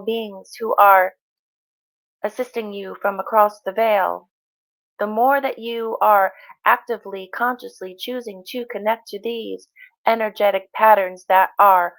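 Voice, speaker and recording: A woman trance channeling a serene, reassuring spirit guide like a seance medium, speaking in measured, halting, instructive phrases. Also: medium pitch, gravelly, low-quality recording. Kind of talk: spiritual channeling session answering questions.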